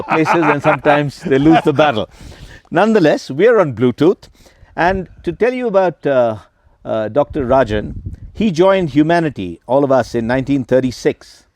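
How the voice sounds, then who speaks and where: A man's voice: fairly high pitch, darkish tone, no echo. A man hosting a conversational interview. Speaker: interview host.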